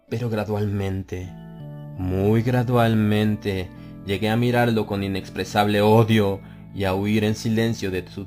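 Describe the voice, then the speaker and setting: As an audiobook narrator, a man reads a horror story in a slow, brooding, confessional manner that builds into anguished outcries. His voice is lowish.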